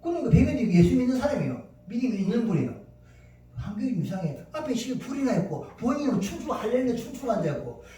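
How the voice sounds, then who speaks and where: A man's voice: very high-pitched, sing-song, quick pace, dark tone. A male pastor preaching a sermon, emphatic and telling stories with acted-out quotes. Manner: emphatic, storytelling, acts out quotes. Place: church sanctuary. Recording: very echoey church hall from far off.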